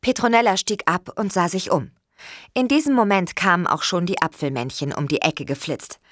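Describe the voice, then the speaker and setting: A woman reading a children's storybook aloud in a gentle, expressive way. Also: on the low side, normal speed, dry recording, clean studio sound. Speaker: narrator.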